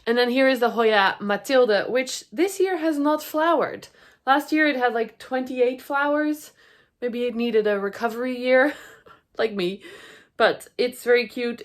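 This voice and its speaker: Chatty woman, a little breathless. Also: medium pitch. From Netherlands. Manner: chatty, self-deprecating, laughs often. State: slightly out of breath. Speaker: plant channel host. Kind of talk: casual vlog house tour. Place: at home indoors, walking between rooms.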